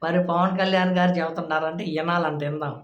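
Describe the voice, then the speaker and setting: A man's voice: fairly high pitch, steady tone, fast talker, reverberant, dull audio, very noisy. Sarcastic male commentator mocking clips. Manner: sarcastic, scoffing, conversational. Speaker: political commentator.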